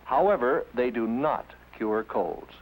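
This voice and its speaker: In poor audio from an old film soundtrack, a man with a medium-pitched voice narrates a scripted 1950s educational film at an unhurried pace. His delivery is didactic and emphatic, and he poses rhetorical questions.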